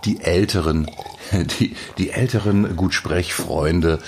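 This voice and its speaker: Deep-voiced man, mock-solemn banter. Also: slow, husky. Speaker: podcast co-host. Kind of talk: casual podcast banter. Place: at home on a sofa. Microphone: studio microphone up close.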